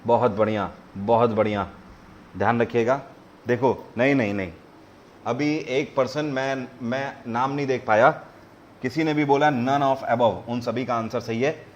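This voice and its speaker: A man teaching a live online quiz lesson, his voice sitting at an ordinary middle pitch. He reads each question out slowly, then explains it and urges viewers to answer. A faint hum of background noise runs under his voice. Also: highs cut off. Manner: mixes English terms into Hindi explanation.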